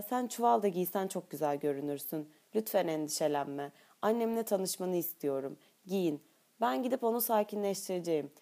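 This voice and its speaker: Audiobook: woman reading a commanding young male lover, low intimate murmur, warm tone. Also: vocal fry.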